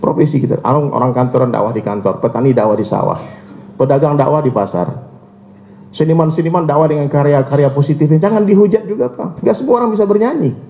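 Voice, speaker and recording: A man preaching a sermon, telling stories and acting out the voices of people in them. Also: fast talker. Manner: storytelling, acts out dialogue with shifting pitch. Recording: echoey, muffled lecture recording.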